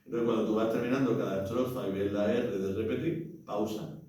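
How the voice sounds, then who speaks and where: A man instructing parish readers in a relaxed teaching talk, acting out the readings aloud and often checking that his listeners follow. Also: on the low side, fairly quick. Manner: explains by acting out readings, frequent "¿vale?" and "¿no?" checks. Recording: very echoey room, mic far off.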